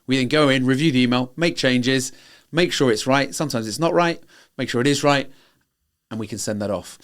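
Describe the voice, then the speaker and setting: A man's voice: medium pitch, fairly quick. A man from Britain co-hosting a tech podcast, explaining things in a matter-of-fact, casual way. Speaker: podcast co-host. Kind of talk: casual chat.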